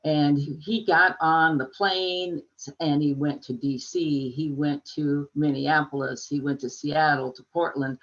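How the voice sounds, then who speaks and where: An older woman speaking over a video call that sounds dull and lo-fi. She talks in a gracious, measured way, now and then restarting a word. She introduces the poets and explains how the evening will run. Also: low-pitched. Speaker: poet and co-host. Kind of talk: introductions at a poetry reading.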